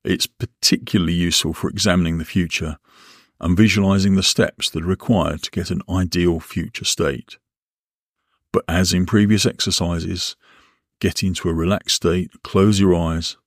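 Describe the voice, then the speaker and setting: Deep-voiced man guiding a relaxation exercise. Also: steady tone, no room sound, clean studio sound. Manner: measured, instructional, with deliberate pauses. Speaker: guided visualisation instructor. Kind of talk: guided relaxation and visualisation narration.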